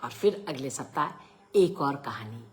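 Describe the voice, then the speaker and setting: A middle-aged woman reading a short story aloud, expressive and raising her voice for the quoted lines. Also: extremely low pitch, measured pace, faint music behind.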